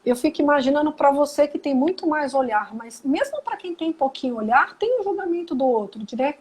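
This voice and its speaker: High-voiced Brazilian woman, animated. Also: fairly quick, rough recording. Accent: Brazilian Portuguese. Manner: animated, acts out quoted dialogue. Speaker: psychologist guest. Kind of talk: casual live chat. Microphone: video call.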